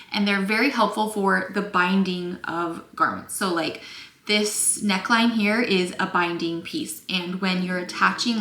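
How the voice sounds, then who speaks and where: Speaking to camera in a casual sewing tutorial, this young instructor sounds pushed and bright at a medium pitch, her voice a bit scratchy. She chats freely, leans on fillers, and apologizes a lot, all in a room with noticeable echo.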